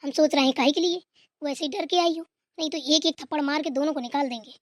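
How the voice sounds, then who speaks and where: Lady playing a cranky old mother-in-law, scolds nonstop, high-pitched. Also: fast, dry recording, studio quality, lightly acted. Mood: scolding. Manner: bossy, nagging scolding. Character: scolding older mother-in-law, grumpy and sleepy. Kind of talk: comic family skit.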